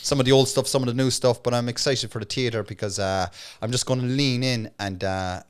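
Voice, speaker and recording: A man's voice: mid-range voice, steady tone, a little fast, clear, resonant tone. Lilting Irish man, a storyteller chatting. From Ireland. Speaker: guest storyteller and live performer. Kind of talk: casual podcast chat.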